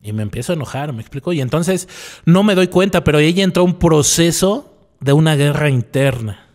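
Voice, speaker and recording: On a reflective radio program, a male psychologist speaks briskly and animatedly in a slightly high, somewhat mellow voice. Rhetorical questions aimed at the listener, repeated key phrases and a tagged "¿no?" run through his talk.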